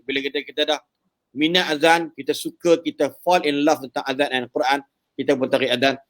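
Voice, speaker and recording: A man giving a lively religious talk over a live call, joking in English and chanting recitations. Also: fairly high pitch, brisk. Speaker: preacher.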